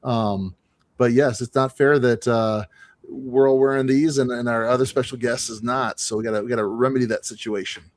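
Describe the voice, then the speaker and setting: A man's voice: mid-range voice, steady tone, normal speed, dry recording. Male co-host, dry close voice. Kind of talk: casual chat.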